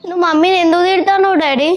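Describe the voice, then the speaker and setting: Speaking very fast in a very high register, a woman performs a dialect family drama scene with a Telangana Telugu accent. As the troubled young daughter in a web series, she confronts her father about his drinking with urgent reproach. Faint music runs in the background.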